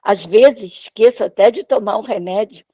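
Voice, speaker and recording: A woman's voice: mid-range voice, moderate pace, dark tone, husky, no room sound. A woman, giving a personal healing testimony at a church service and acting out what the doctors said. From Brazil. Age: 60s. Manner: emotional storytelling, acting out the doctors' lines.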